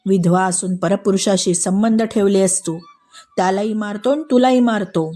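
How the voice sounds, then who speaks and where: A woman voicing an enraged royal man who shouts accusations and insults in a told story. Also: medium pitch, moderate pace, soft background music, lightly acted. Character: furious jealous royal man with a sword.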